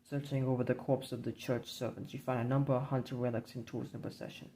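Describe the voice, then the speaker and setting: A man narrating a dark board game campaign in a measured, grim storybook reading. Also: medium pitch, flat delivery, rough recording.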